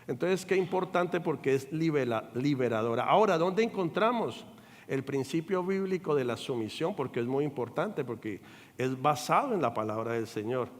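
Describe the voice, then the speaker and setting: An older man preaching in a church sanctuary, his voice sitting a little high for a man. He speaks with animated delivery and breaks into quoted voices. A long reverb rings through the big room around him. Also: normal speed. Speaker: pastor. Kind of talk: sermon.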